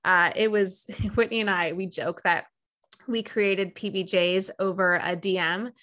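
An American woman in her thirties speaks as a podcast guest. Her voice is bright and forward, at an average pitch for a woman. She is chatty and informal, explaining things in a conversational interview style. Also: fairly even intonation, measured pace. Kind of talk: casual interview chat.

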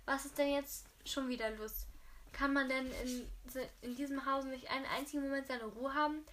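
A woman's voice: high voice, fairly even intonation, moderate pace, a bit bright, a little hiss or hum. A woman voicing a haughty mistress of the house who scolds her servants indignantly. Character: haughty, shrill lady of the house.

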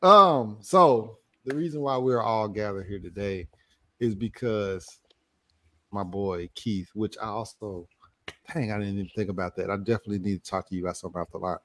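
A man's voice: on the low side, normal speed, sharp tone. A man hosting a casual podcast chat, talking in a loose, joking, slangy way. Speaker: podcast host.

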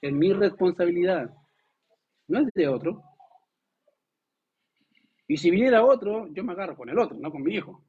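A pastor delivering a lively, conversational sermon, asking the congregation rhetorical questions and acting out quotes. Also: male voice, high voice, moderate pace, pauses often, breathy edge. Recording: tinny phone-like sound.

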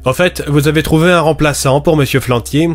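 A man playing a calm, firm police inspector who speaks politely and measured, with faint music behind. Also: on the high side, natural voice. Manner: polite and measured, turning commanding.

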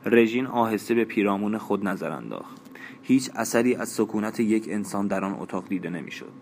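Low-voiced male audiobook narrator, measured and even. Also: slight background noise.

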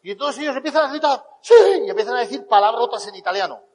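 A man with a Spain Spanish accent giving a motivational talk, telling animated stories and acting out the dialogue. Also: extremely high pitch, fast, long reverb tail, rough recording. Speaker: motivational speaker.

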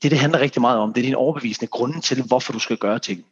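A man's voice: mid-range voice, husky. A man hosting a casual podcast as a fitness coach, rambling and restarting his sentences, dropping English phrases. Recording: dull lo-fi sound.

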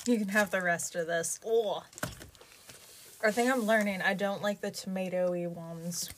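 A young woman vlogs from a small closet in her home, chatting and rambling casually. She takes it slowly, with a steady mid-range voice and long pauses, against light background noise.

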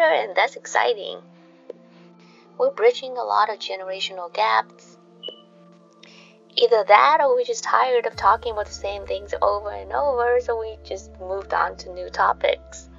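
Gently addressing listeners at a moderate pace, this woman hosts a sleep podcast in a calming bedtime-story style. There's a creaky vocal fry to her medium pitch, with faint background music on a somewhat dull recording.

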